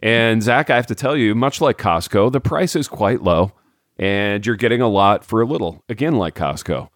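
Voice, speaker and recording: A man co-hosting a podcast in casual chat, laid-back and drawn-out, trailing off quietly, and short on sleep. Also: lowish voice, expressive, dry recording, clean studio sound. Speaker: podcast co-host.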